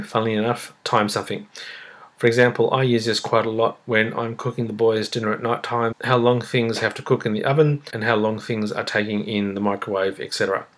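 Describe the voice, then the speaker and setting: A man with a slightly husky voice giving a casual, unhurried step-by-step tutorial, explaining each action as he goes. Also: medium pitch. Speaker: tutorial presenter. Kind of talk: step-by-step spoken demonstration, casual.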